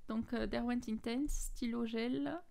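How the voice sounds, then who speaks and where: A woman's voice: fairly high pitch, fairly even intonation, slow pace, vocal fry, mellow. A woman from France talking casually through her finished coloring pages, listing her art supplies with lots of fillers and self-corrections. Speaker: coloring book vlogger.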